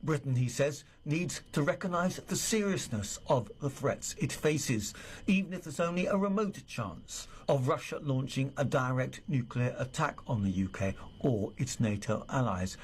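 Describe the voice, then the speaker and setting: A man's voice: medium pitch, lively intonation, moderate pace, a little hiss or hum. A man reading a scripted news report as a correspondent.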